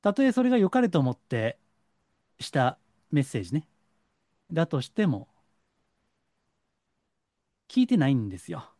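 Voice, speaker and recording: A middle-aged man from Kansai with a Kansai accent, a psychic counselor giving a lecturing solo talk and slowing down to stress points. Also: fairly high pitch, dry recording, studio quality. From Kansai, Japan. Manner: lecturing, animated, slows for stress. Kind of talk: solo monologue to camera.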